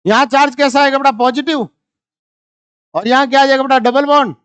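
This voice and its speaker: A man's voice: extremely high pitch, fairly even intonation, brisk, a bit bright. A male chemistry teacher lectures a live class. He keeps a teasing, bantering tone with his students. He works through each problem step by step and calls on them for the answers.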